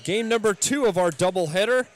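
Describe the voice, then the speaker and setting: An American play-by-play announcer hosts a pregame college basketball broadcast, giving a scripted welcome and then a stat rundown with some fillers. His voice sits high and runs a little fast.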